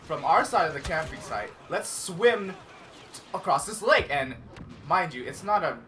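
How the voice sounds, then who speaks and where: A young man in casual gaming chat, telling a story with animation and acting out his own panicked shouts. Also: a little high, animated, moderate pace. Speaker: cast member telling a story. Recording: voice a little distant from the mic, faint hiss.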